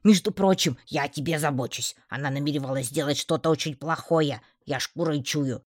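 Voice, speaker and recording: A woman voicing a small male pet triton, sly and sulky, grumbling slowly in a fantasy audiobook. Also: on the high side, dry recording, studio quality, voice pushed down, close to an everyday voice. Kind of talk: audiobook character voice.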